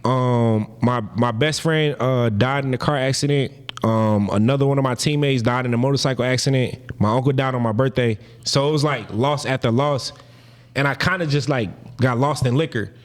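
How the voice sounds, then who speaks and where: A man in his thirties from New Jersey telling a story in a casual interview, slangy and animated, acting out the people he quotes. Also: mid-range voice, moderate pace. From Paterson, New Jersey. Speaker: guest.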